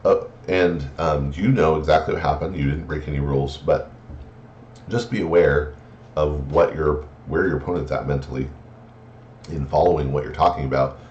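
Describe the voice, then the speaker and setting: A man's voice: very deep voice, steady tone, normal speed, a little mellow. A man giving friendly, considerate advice in a casual instructional talk, hesitant with many fillers and restarts. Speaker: card game player giving etiquette advice. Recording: roomy, slightly muffled, faint noise.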